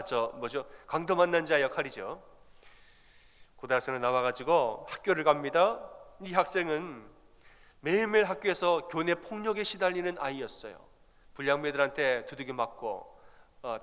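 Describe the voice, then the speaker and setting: A male pastor preaching a sermon, telling a story in an animated way and acting out the people in it. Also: on the high side, in a large hall.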